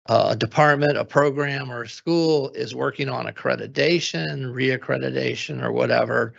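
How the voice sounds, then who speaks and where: A man's voice: medium pitch, gravelly, fairly bright tone. A man chairing a faculty committee, speaking plainly at a meeting in an auditorium. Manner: plain, procedural, with fillers. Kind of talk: meeting remarks. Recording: dull lo-fi meeting recording.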